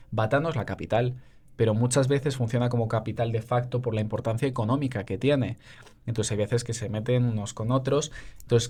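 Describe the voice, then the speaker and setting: A man's voice: mid-range voice, darkish tone. A man co-hosting a podcast, explaining history in casual chat with frequent fillers. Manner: explains with many fillers and asides. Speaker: podcast co-host.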